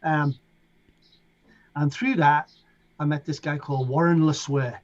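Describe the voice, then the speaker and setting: A man's voice: a little high, measured pace. A middle-aged man with a Liverpool accent, a DJ and producer telling stories in a casual interview and acting out other people's lines. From England. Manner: animated, acts out other people's lines in raised voices. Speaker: DJ and producer guest. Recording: dull lo-fi sound.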